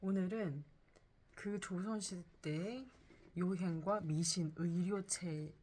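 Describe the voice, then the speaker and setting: A woman in her forties, vlogging casually about her day and reading from a book, with frequent soft fillers. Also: on the low side, slow. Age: 40s. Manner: soft-spoken, many "음" and "네" fillers.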